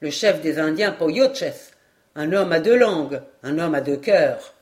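A woman reading aloud, voicing a grave Patagonian guide in a lower, slow and solemn voice. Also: animated, a little mellow. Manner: slow, low, measured and solemn.

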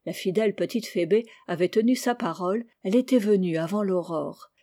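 A woman reading a children's novel aloud in a gentle, even storybook style, lightly voicing the characters' lines. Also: mid-range voice, fairly quick. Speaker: audiobook reader. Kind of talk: storybook narration.

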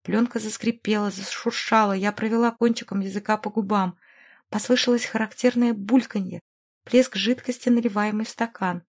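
A woman narrating a novel in the first person, in a measured, even storytelling manner. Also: medium pitch. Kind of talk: scripted audiobook narration.

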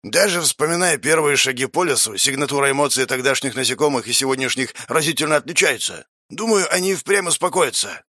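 A man voicing a blunt male companion who senses emotions, explaining in a calm tone. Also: mid-range voice, a little fast, few pauses, no echo, clean studio sound, pitched above the performer's own voice.

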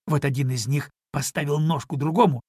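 A woman narrating a children's storybook aloud, expressive and acting out the characters. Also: low-pitched, brisk, slightly rough, no echo, clean studio sound.

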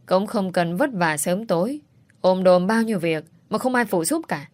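A woman's voice: fairly low pitch, lively intonation, normal speed, darkish tone, dry recording, lightly acted. A woman voicing a young man who speaks bitterly to his brother, with faint music behind. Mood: defiant.

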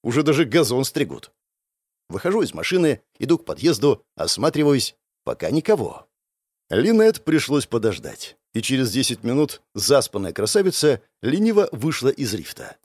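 A young man narrating a first-person novel aloud, lively with sarcastic asides. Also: medium pitch, normal speed, slightly rough, no echo. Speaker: audiobook narrator.

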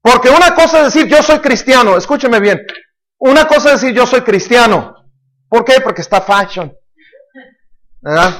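Man, high voice, emphatic preacher, repeats words. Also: expressive, normal speed, long pauses, a bit bright. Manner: emphatic, repeats words, asks the congregation questions. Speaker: pastor. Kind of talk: sermon.

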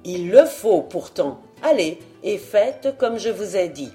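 A woman voicing a grave, quiet guardian angel. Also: very animated, slow, faint music behind. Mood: firm. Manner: low, quiet, solemn.

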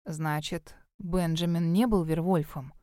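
A woman putting on a gruff, sullen werewolf master. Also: fairly even intonation, a little slow, dry recording, clean studio sound, lightly acted. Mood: gloomy. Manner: low, hushed and sullen.

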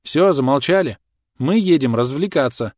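A man's voice: mid-range voice, animated, moderate pace, darkish tone, no echo, studio quality, voice pushed up, close to an everyday voice. A man voicing a haughty young woman who gives orders and scolds. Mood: imperious. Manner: commanding, indignant.

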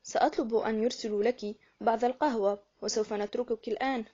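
Woman reading a gentle coaxing doctor. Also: fairly high pitch, steady tone, fast, highs cut off, natural voice. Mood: calm. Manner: soft, coaxing. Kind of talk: audiobook character reading.

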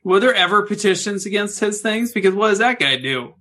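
A man's voice: high-pitched, expressive, fairly quick, bright, forceful tone. A man co-hosting a talk show with casual, joking banter.

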